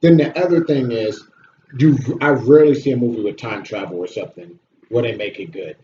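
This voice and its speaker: Speaking a little fast in a warm, mid-range voice, a male video host delivers a casual, opinionated movie review, blunt and complaining as he swears freely. The audio is dull, with a roomy echo and slight noise.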